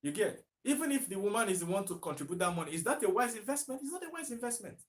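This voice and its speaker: Speaking very fast in a high-pitched, very animated voice, this Nigerian livestream commentator addresses viewers emphatically. He keeps repeating himself and throwing out rhetorical questions.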